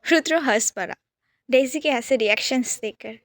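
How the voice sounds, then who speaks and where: A woman with a high voice narrates a serialized romance story at a plain, steady pace. The sound is dry and close, with no room around it. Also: normal speed, no room sound.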